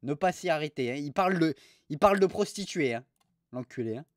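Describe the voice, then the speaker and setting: A young man streaming live, mocking restaurant reviews in a crude, animated way. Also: on the high side, fairly quick, no echo, studio quality.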